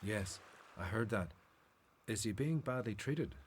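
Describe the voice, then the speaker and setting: An actor playing Jesus as a gentle, assured teacher in a radio Bible drama, speaking in a kindly, earnest way. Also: male voice, lowish voice, lively intonation, unhurried, slight background noise. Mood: gentle, caring.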